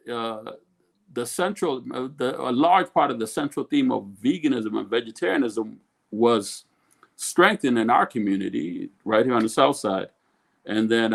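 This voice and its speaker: A middle-aged man from Ethiopia speaks as an interview guest. His voice has a gravelly, rough edge at a medium pitch. He rambles loosely, circling back with restarts and fillers. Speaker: guest, food company co-owner. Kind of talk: casual interview talk.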